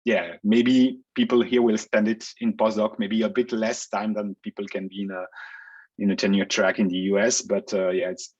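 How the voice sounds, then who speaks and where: Hesitant Belgian-raised researcher, muffled audio. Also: male voice, fairly low pitch, level tone, normal speed, darkish tone, husky. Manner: hesitant, many fillers and restarts. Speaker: researcher guest. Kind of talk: casual interview answers.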